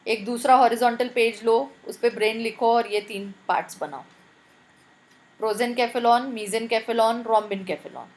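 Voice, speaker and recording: A woman's voice: on the high side, takes it slowly, rough recording. A woman teacher with an Indian accent, giving a live online biology class and spelling out terms letter by letter.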